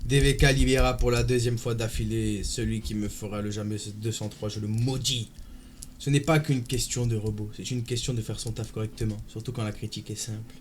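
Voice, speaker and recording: A man's voice: on the low side, fairly even intonation, brisk, noisy background. A man streaming live, casually bantering and teasing his chat and friends.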